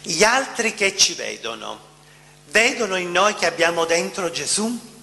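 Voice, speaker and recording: A man's voice: sits high, sing-song, measured pace, vocal fry, pushed and bright, soft background music. Man preaching in an echoing hall. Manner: questioning, emphatic, repeats phrases. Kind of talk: sermon.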